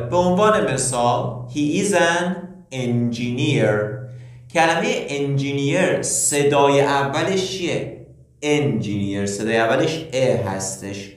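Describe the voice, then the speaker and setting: Echoey man teaching grammar. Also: mid-range voice. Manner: explains step by step with questions to the learner. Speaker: English teacher. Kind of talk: grammar lesson. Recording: very echoey room, distant mic.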